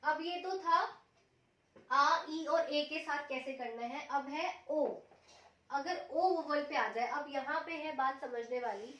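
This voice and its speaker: High-voiced woman teaching patiently. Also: fairly bright tone. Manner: patient, repeats each example slowly. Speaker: Japanese language teacher. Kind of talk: explaining a lesson step by step. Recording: echoey room, mic at a distance.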